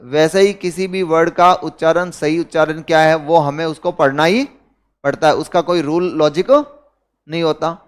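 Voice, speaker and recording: A man's voice: on the high side, normal speed, smooth. An Indian man teaching a class, explaining rules and firing rhetorical questions at his students. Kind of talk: classroom lecture.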